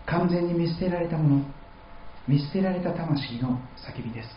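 A man's voice: on the high side, moderate pace, roomy sound, muffled recording, slight background noise. A man preaching a sermon as pastor, reading scripture and acting out quoted speech with feeling. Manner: dramatic voicing of quoted speech. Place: church hall.

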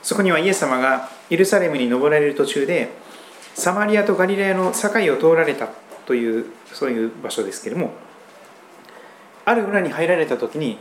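A man from Japan, a pastor preaching a sermon in a conversational style with strong emphasis. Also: a little fast. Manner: conversational preaching with lively, pitch-swinging emphasis. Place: church sanctuary. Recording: roomy church hall echo, faint background hum.

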